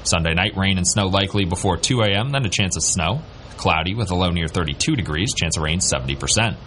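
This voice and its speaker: Deep voiced guy reading local radio news and weather, bit of noise behind. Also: lively intonation, quick pace, fairly bright tone. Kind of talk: scripted traffic and weather bulletin.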